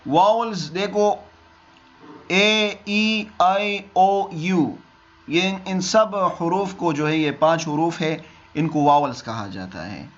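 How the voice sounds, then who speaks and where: A man teaching a beginners' lesson, explaining step by step and answering his own questions. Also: fairly high pitch. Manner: asks questions and answers them himself, repeats key words. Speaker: English teacher. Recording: dull lo-fi recording.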